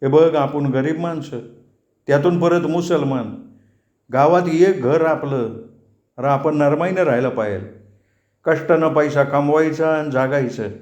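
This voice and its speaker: A man's voice: on the high side, a little slow, darkish tone, pitched above the performer's own voice, natural voice. A man voicing a timid, fretful village father who coaxes and worries aloud, in a roomy recording. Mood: anxious. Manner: anxious, coaxing. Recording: roomy echo.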